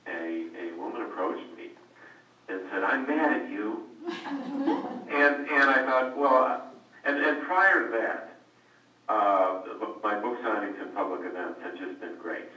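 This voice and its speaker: A man's voice: fairly low pitch, measured pace, sharp tone. A man, an author answering questions on a conference call, telling stories with frequent hesitant restarts and repeated words. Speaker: author guest. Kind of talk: conversational storytelling on a conference call. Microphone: conference call line. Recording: echoey, distant, faint noise.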